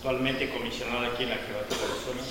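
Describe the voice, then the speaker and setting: Man, zapotec native speaker, teacher from oaxaca, hesitant, soft, distant, echoey hall. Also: medium pitch, steady tone, rapid-fire, heavy background noise. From Mexico, southern Oaxaca.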